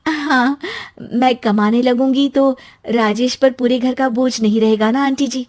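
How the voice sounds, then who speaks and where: A woman voicing a chatty, excitable, naively boastful young wife in a cartoon story. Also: sits high, unhurried. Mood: happy.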